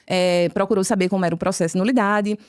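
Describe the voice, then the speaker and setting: A woman with a Brazilian Portuguese accent, a podcast guest telling her conversion story as a lively storyteller who acts out each exchange of dialogue. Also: mid-range voice, quick pace, clean tone, dry recording, studio quality. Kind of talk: conversion testimony told as a story.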